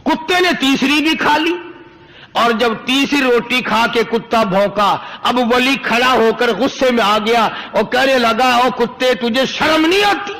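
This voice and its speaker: A man's voice: very high voice, bright, forceful tone. A male preacher telling a moral story in a sermon, with rhythmic, repetitive phrasing. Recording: long hall reverb.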